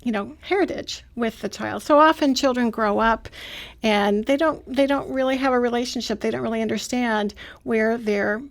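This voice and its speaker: In a radio interview, a woman with a voice on the high side talks at normal speed about how her radio program is made. She explains at length, using lots of fillers.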